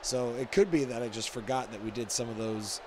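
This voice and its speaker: A brisk man with a mid-range voice talks over background noise while commenting on wrestling video game cutscenes. He's casual and jokey, pokes fun at himself, rambles, and plays at being a wrestling announcer.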